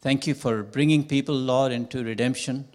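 A man's voice: mid-range voice, steady tone, darkish tone. An older man, a church elder, leading a solemn congregational prayer and repeating "Lord" often. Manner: slow, solemn, measured praying with repeated "Lord".

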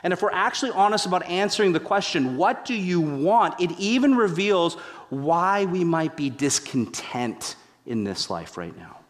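A man's voice: high voice, lively intonation, normal speed, big-room sound. A male pastor giving a sermon, telling a story with playful humor and big swings in his voice.

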